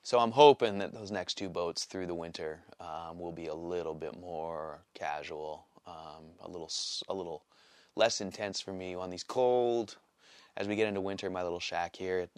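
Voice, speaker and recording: A man in his late forties giving a casual, rambling vlog update, halting often with fillers and restarts. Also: deep voice, smooth, dry recording. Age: 40s. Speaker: vlogger. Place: small cold workshop shack.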